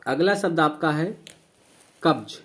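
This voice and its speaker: Slow man teaching vocabulary. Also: a little high, animated, a bit bright. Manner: slow, repeats each word and spells it out. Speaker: English teacher. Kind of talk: vocabulary lesson.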